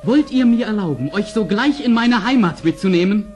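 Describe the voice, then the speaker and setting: Ardent young prince, high-pitched and animated. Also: male voice, moderate pace, soft background music. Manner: earnest, formal, declamatory. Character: ardent young Persian prince, noble and courteous. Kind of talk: fairy-tale radio play acting.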